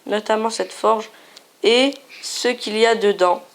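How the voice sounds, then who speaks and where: A woman's voice: fairly high pitch, a little slow. A woman hosting a casual game video, chatty and playful, often repeating herself as she shows things on screen. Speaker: gaming video host.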